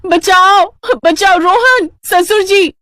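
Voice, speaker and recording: A woman voicing a vain, touchy young daughter-in-law in a storybook tale, with a shrill, excitable way of talking. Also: a little fast, dry recording, clean studio sound, close to an everyday voice. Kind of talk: storybook character voice.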